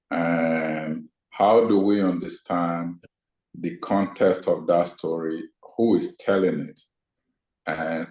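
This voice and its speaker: Man, thoughtful interview guest, deliberate delivery, roomy echo. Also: low-pitched, a little mellow. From Nigeria. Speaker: guest scholar. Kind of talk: reflective interview answers. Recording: echoey room sound.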